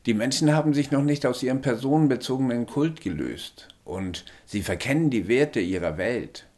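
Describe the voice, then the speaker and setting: A small male alien with a raised, lighter voice, as a man puts him on for an audiobook. He talks in clipped, factual statements and lectures calmly on how humans fall short. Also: medium pitch, moderate pace, voice pushed up, close to an everyday voice. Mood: lecturing. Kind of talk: audiobook character voice.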